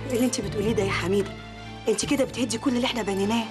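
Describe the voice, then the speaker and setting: A woman's voice: fairly high pitch, fairly even intonation, racing, music in the background, lightly acted. An actress playing a young village mayor who pleads with her closest friend, speaking with an Egyptian accent and urgent, pressing delivery. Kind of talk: TV drama acting.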